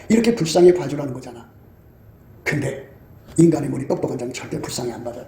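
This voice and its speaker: A man's voice: extremely high pitch, vocal fry, mellow, echoey room, a little hiss or hum. A man preaching a sermon in an emphatic, scolding way, acting out quotes as he goes. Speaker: pastor.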